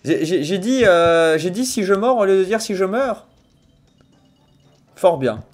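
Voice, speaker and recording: Soft music plays behind a high-pitched young man speaking at a measured pace with a Sarthe accent. Chatting casually to viewers through a headset mic, he streams a video game from a small room at home. He mixes mock outrage with frequent laughs and loud, excited bursts.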